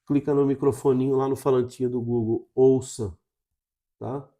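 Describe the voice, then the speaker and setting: Warm-voiced Brazilian man coaching viewers. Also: medium pitch, flat delivery, normal speed. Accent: Brazilian Portuguese. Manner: coaching, checks in with frequent "tá?". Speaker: English teacher. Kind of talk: direct-to-camera lesson.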